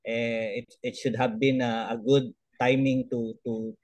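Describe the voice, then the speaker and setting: A man's voice: mid-range voice, flat delivery, slow, a little mellow, no room sound. A man, sharing a report in a casual video-call talk, mixing in English, chuckling and restarting his phrases. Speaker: elder trainee sharing a report.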